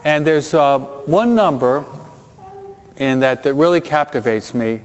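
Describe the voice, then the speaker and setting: Preacher in a reverberant hall. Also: male voice, a little high, lively intonation, measured pace, a little hiss or hum. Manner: conversational, keeps checking in with the listeners; drops Spanish words into his English. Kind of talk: sermon. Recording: dull sound with long hall reverb.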